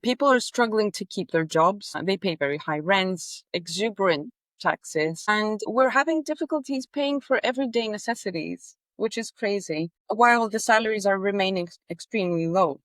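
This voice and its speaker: A woman's voice: mid-range voice, animated, moderate pace, hardly any pauses, dry recording. A woman from Greece with a Greek accent, a behavior analyst talking earnestly in an interview, with hesitations and restarts. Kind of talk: casual interview chat.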